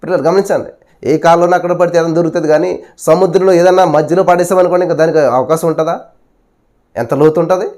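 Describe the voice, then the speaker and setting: A male preacher delivering a sermon, asking the listeners rhetorical questions, repeating "hallelujah", and swinging between loud and hushed delivery. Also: on the high side, steady tone, fast talker.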